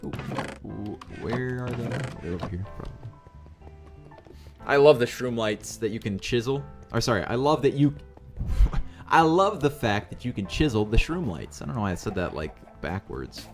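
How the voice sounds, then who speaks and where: A man in casual stream chat, wandering through anecdotes and backtracking to fix his own wording. His voice sits in a middle pitch, loose and conversational. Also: expressive, moderate pace, faint music behind. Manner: rambling, self-correcting, swings into high mimicry. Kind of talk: casual storytelling while playing.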